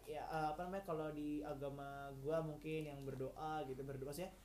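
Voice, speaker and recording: A woman's voice: deep voice, steady tone, fairly quick, dark tone, a little hiss or hum. A woman co-hosting a casual chat, rambling with many fillers and restarts. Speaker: podcast co-host.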